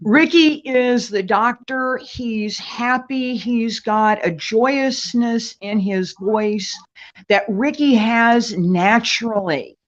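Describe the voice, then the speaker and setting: A woman, a guest author and martial arts teacher, chatting in an interview in a slow, measured way and laughing easily. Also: a little high. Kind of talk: casual interview chat. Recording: dull lo-fi sound.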